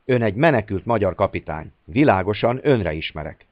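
A man's voice: lowish voice, expressive, no echo, highs cut off, close to an everyday voice. A man voicing a furious, sneering Italian secretary in an audiobook, accusing and hectoring.

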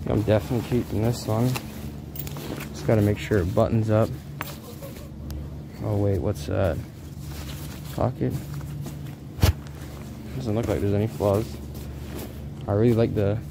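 Sorting through clothes in a big indoor thrift warehouse, a male vlogger who resells vintage clothing tosses out short, slangy, off-the-cuff remarks. He speaks in a lowish, steady voice at a measured pace, pausing often, and warehouse noise is clearly audible behind him.

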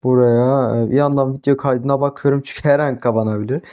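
A young man commenting on his own gameplay in a mellow, dark-toned voice at a middling pitch. He mutters to himself as he works and often bursts into exasperated scolding. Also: steady tone, fast, smooth, lo-fi sound. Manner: talks to himself, flares into exasperated yelling at the animals. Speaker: gaming YouTuber. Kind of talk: casual Minecraft let's-play commentary.

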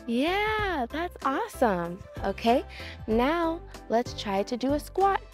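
A young adult woman hosts a children's story time read-along, speaking directly to her young listeners in an encouraging, exclamatory way. Her voice is high and sing-song, her pace slow, with faint music in the background.

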